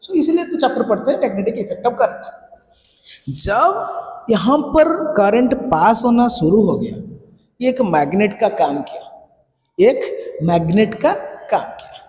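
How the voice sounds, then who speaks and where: Indian guy teaching science, high voice, lots of "what happens?" to the class, roomy echo and faint background hum. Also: lively intonation, unhurried, long pauses, a little mellow. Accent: Indian English. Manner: repeats key points and quizzes students. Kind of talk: classroom lecture in Hinglish. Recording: echoey room with faint ambience.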